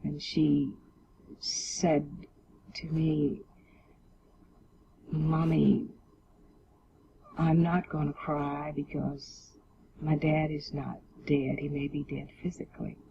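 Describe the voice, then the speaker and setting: Woman, very low pitch, slow, gravelly, dark tone, dull old TV recording, faint hiss. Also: little pitch movement. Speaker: interviewee. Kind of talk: television interview.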